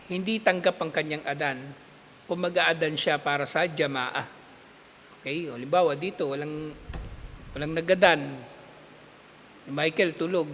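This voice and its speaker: High-voiced man teaching in a reverberant classroom. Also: a bit bright, slight background noise. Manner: explains patiently, checks understanding with repeated "okay?"; recites Arabic text in quick bursts. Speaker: Islamic studies teacher. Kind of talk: classroom lecture.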